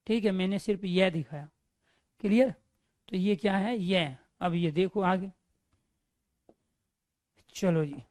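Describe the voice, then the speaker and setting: Slow teacher drilling grammar questions. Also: female voice, mid-range voice, darkish tone, no echo, studio quality. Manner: slow, drilling questions and answering them herself. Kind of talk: classroom grammar lesson.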